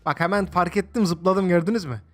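A man excitedly commenting on his own gameplay, exclaiming often and chatting to his viewers as he plays. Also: sits high, fairly quick. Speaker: gaming video host. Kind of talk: let's-play game commentary.

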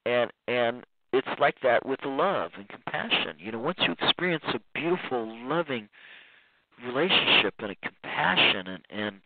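Heard over a tinny phone line, an Iranian man guests in a casual interview with a medium-pitched, animated voice at a moderate pace. His talk wanders, full of restarts and frequent bursts of laughter.

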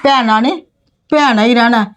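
A woman with a Punjabi accent acts lightly in a family drama as the bride's maternal aunt, a stern middle-aged figure. With a voice on the high side and a moderate pace, she turns threatening, scolding her niece's in-laws to their faces.

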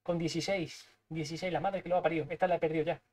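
A young man from Spain with a Spanish accent, giving live gameplay commentary, excitable and swearing, muttering to himself as he plays. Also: fairly high pitch, rapid-fire. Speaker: streamer.

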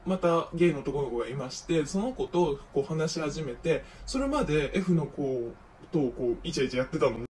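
A man's voice: on the high side, lively intonation, fairly quick, a little mellow. A young man telling a gossipy story in a feminine speaking style, acting out his friends' lines with flair. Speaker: vlogger. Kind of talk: casual storytelling monologue. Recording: faint noise, distant from mic.

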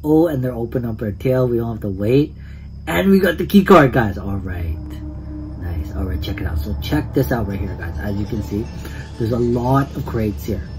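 A man giving casual live commentary on his own gameplay as a YouTuber, excitable, swinging between hushed muttering and yelling, and saying "guys" constantly. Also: lowish voice, moderate pace. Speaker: gaming YouTuber. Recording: game music behind the voice.

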